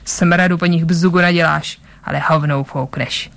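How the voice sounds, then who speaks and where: A woman's voice: low voice, fairly even intonation, creaky, a bit bright, no echo. Woman growling as coarse tavern men. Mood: gruff.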